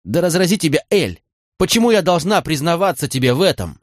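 A man's voice: a little high, very animated, brisk, no echo, voice pushed up. Guy putting on a proud hurt young woman, heated and reproachful, audiobook, dry close sound.

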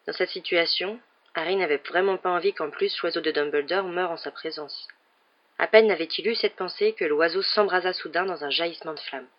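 A man reads a storybook aloud with a slightly high voice. The recording is dull and lo-fi, without much top end. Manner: reads all the characters with raised pitch for quoted lines. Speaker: audiobook reader. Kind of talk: scripted narration.

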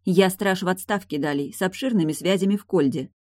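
A woman reading an audiobook, voicing a brash, sharp-tongued retired guardswoman who is mocking, blunt and pushy. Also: on the low side, fairly quick, no room sound, clean studio sound, voice pushed up, natural voice. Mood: scheming.

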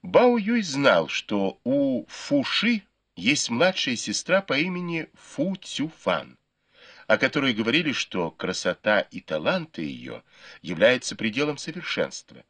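A man narrating a classic novel as an audiobook, in measured storytelling. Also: medium pitch, sing-song, a bit bright, dry recording. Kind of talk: scripted narration.

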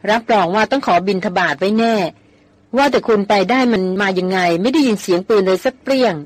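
A woman reader voicing a proud, quick-tempered young noblewoman who snaps and sulks. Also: medium pitch, dry recording, lightly acted. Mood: indignant. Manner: sulky, snapping, indignant. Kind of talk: audiobook character voice.

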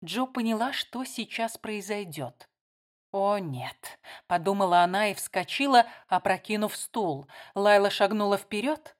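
A woman reading a novel aloud as narrator, steady and even. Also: mid-range voice, normal speed, hardly any pauses. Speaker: audiobook narrator. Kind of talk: scripted narration.

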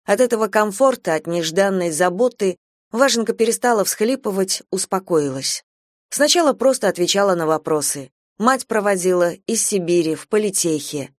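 A woman's voice: mid-range voice, animated, moderate pace, no room sound. Woman reading literary prose, dry close sound. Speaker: audiobook narrator. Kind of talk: literary audiobook narration.

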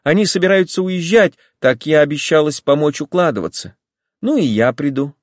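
A man reading an audiobook voices a calm, gentle young woman who speaks softly and reasonably. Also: on the high side, dry recording, studio quality, pitched above the performer's own voice, close to an everyday voice. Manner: soft, measured, reasonable. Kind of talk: audiobook character voice.

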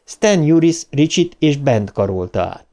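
A man reading a horror novel aloud as an audiobook narrator, measured and dramatic. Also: on the high side, very animated, dark tone. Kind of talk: scripted narration.

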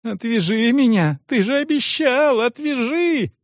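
A male narrator voicing a desperate condemned woman who curses and begs in shrill cries. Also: lively intonation, a little slow, dry recording, studio quality, heavily acted. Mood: pleading.

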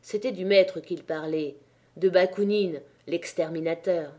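Woman reading a novel in a mellow voice. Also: lowish voice. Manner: measured, expressive. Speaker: audiobook reader. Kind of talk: literary audiobook narration.

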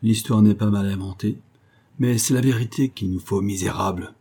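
A man voicing a gruff, suspicious army general with a growling, curt delivery. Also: fairly low pitch, normal speed, warm tone. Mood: scornful.

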